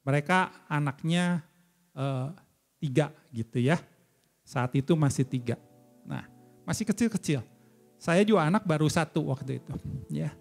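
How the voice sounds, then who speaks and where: A middle-aged man, preaching a sermon as a church elder and telling his own story with emotional, fervent swells. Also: vocal fry. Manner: emotional storytelling, rising to fervent high peaks. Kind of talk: sermon with personal testimony.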